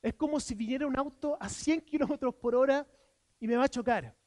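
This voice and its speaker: A man's voice: very high-pitched, brisk, darkish tone, no room sound. Chilean pastor man preaching a sermon, earnest, answers his own questions, dry sound. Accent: Chilean Spanish. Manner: earnest preaching, rhetorical questions, voicing imagined objections. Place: church.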